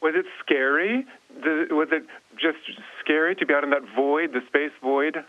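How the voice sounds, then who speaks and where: A man interviewing an astronaut over a radio link, asking questions in a halting way and rephrasing them. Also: on the high side. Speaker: media interviewer. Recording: thin, narrow-band radio link.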